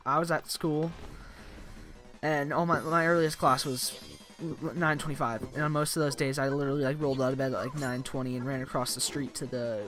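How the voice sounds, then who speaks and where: A man's voice: medium pitch, little pitch movement, a little fast, fairly bright tone. A tired young man rambling in casual commentary while playing a video game, filling his talk with "like". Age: young adult. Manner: rambling, tired, says "like" constantly. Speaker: let's play commentator. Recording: game music playing behind.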